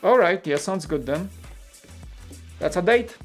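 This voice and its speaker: This high-pitched Polish host takes it slowly as he chats on a live stream and reads out comments from viewers. Speaking with a Polish accent, he rambles easily, restarting often and using many fillers, while soft music plays in the background.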